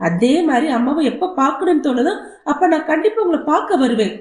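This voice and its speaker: A woman voicing a gentle young mother who soothes her children softly. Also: high voice, expressive, fast talker. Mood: soothing. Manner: soft, soothing, reassuring. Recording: roomy echo.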